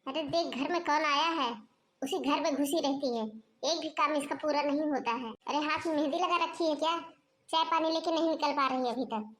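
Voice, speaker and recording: Woman doing a bossy mother-in-law, high voice, scolding, scheming, cartoon dub. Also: fairly quick, close to an everyday voice. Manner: scolding, shouting for her daughter-in-law. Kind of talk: cartoon dubbing.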